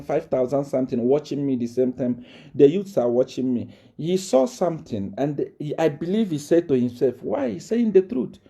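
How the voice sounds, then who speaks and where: A man's voice: on the high side, warm tone. A man ranting on a live stream, boastful and threatening, repeating himself often. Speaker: self-styled prophet addressing viewers. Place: South Africa.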